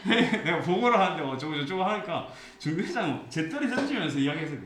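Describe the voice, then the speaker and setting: A man teaching an English class with a Gyeongsang accent, explaining passages and telling jokey anecdotes in a lively way. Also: a little high, a little fast. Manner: lively, jokey storytelling, mixes English phrases into Korean. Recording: echoey classroom with faint hiss.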